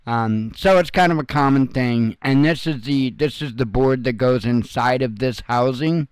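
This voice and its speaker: A man hosts an online news commentary channel, riffing unscripted in a blunt, folksy style peppered with salty language. His mid-range voice is clear and resonant, moving at a moderate pace with no room sound.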